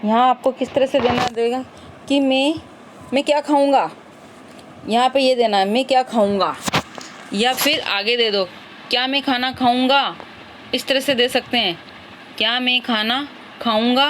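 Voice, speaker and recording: A woman's voice: on the high side, fairly even intonation, unhurried, pauses often, background noise. A woman teacher going through exam-prep grammar questions, patiently repeating each question and its options aloud.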